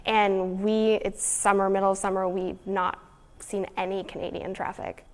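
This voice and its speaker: A woman shop owner speaking in a news interview, sounding worried and halting. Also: mid-range voice, level tone.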